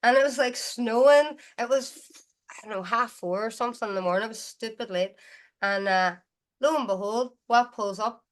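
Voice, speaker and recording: A woman's voice: a little high, normal speed. A woman with a Derry accent from Northern Ireland, telling stories casually as an interview guest. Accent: Derry, Northern Irish. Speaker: guest musician. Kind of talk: casual chatty storytelling.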